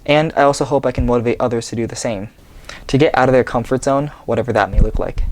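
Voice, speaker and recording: Talking fast at a medium pitch, a young man who vlogs from the Seattle area reads a personal story off a tablet script. He's in a small bedroom, and his reading is steady and earnest.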